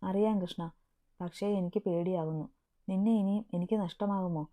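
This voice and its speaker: A woman's voice: lowish voice, steady tone, moderate pace, mellow, close to an everyday voice. A woman voicing a loving, teasing young husband in a storybook reading, with a narrow phone-like sound. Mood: anxious. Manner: tender, teasing.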